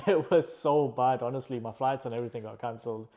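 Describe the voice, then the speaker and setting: Relaxed young man, mellow voice. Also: medium pitch, fast talker. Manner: relaxed, easygoing, many short backchannels. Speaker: podcast host. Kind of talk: casual interview chat.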